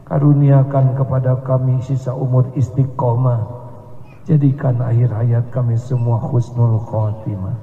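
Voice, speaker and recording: A man preaching a humorous radio sermon and intoning Arabic prayers. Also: medium pitch. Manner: humorous, teasing the congregation. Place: radio studio mosque program. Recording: phone-like echoey radio broadcast.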